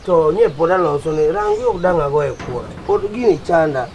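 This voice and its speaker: Fast-talking high-voiced Kenyan man. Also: a little mellow, slight background noise. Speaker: comedian. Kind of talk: comedy sketch.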